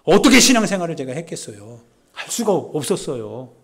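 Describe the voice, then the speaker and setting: A man pastor giving a Sunday sermon in a church service, talking conversationally and swinging from loud pleading to hushed asides. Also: on the high side, sing-song, fairly quick, vocal fry, husky.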